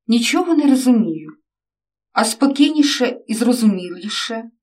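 A woman's voice: on the high side, animated, normal speed, darkish tone, recorded from a distance, pitched above the performer's own voice, lightly acted. A woman doing a reproachful, worried mother. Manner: reproachful, questioning.

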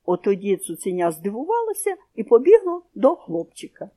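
A woman reading a children's story aloud in an expressive storybook manner, then asking comprehension questions. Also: on the high side, moderate pace.

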